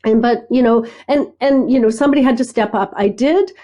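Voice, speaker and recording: A middle-aged woman with a fairly high but mellow, warm voice. She talks as a podcast guest, telling lively stories and asking "right?" along the way. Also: a little fast. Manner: animated storyteller, acts out dialogue, frequent "right?". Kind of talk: conversational interview.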